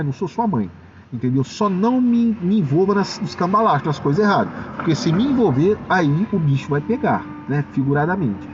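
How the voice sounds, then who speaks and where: Brazilian man giving a lively testimony. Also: a little high. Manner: animated storytelling, acts out dialogue. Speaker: church member giving testimony. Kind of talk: personal testimony. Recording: distant mic, dull sound, faint noise.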